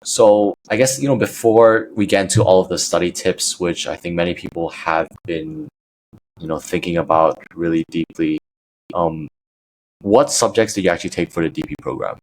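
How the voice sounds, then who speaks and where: Deep-voiced man hosting a casual podcast. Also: moderate pace, poor audio. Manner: chatty, leans on "you know" fillers. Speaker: podcast host. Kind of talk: casual interview.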